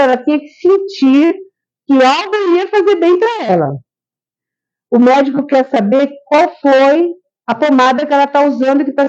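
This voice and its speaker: A woman's voice: sits high, darkish tone. A woman giving a conversational, story-filled lecture to a spiritist group, asking the audience questions as she goes. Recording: dull lo-fi recording.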